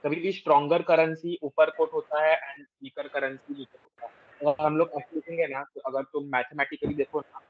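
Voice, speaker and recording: A man's voice: fairly high pitch, flat delivery, brisk. An Indian man teaching an online finance class over a video call, explaining patiently, mixing Hindi and English and quizzing his students. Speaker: actuarial finance tutor. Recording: dull lo-fi call audio, dry.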